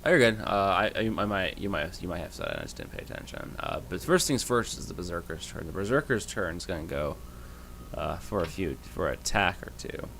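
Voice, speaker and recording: Low-voiced man running a tabletop game. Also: wildly swooping pitch, gravelly, a bit bright, a little hiss or hum. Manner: halting, many fillers and restarts. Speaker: game master.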